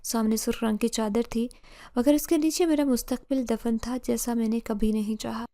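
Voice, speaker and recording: A woman narrates a first-person horror story with emotional, dramatic delivery. Her voice is mellow and warm, pitched a little high. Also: steady tone.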